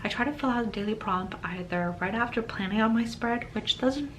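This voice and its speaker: In a casual voice-over, a thirty-something planner vlogger talks through her day, wandering a little and relying on "um" and "like." Her fairly high, fairly bright voice moves a little fast and still sounds a bit off from a lingering cold. The low-quality recording has slight hiss or hum.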